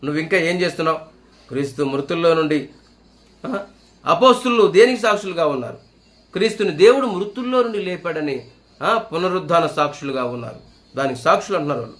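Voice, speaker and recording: High-voiced earnest man preaching. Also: animated, a bit bright. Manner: earnest, questioning the listener, slows to read scripture. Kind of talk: sermon.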